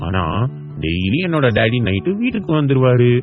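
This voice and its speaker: A man's voice: medium pitch, very animated, moderate pace, phone-quality sound, soft background music, natural voice. A man voicing a boastful little schoolboy who mocks a classmate, for an audiobook. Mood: taunting. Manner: mocking, boastful. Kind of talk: audiobook character voice.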